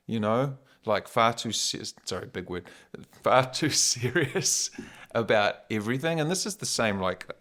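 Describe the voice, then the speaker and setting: A man with a New Zealand accent talking casually and reflectively as a podcast guest, in a wry, informal, philosophical way. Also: lowish voice.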